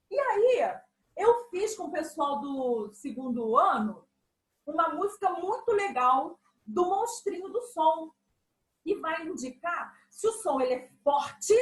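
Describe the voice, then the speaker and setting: A woman with a high, lively voice explains things slowly and patiently to small children, like a music teacher at a lesson. Her speech leaps around in pitch. The sound is roomy and echoey. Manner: patient, animated explaining with examples.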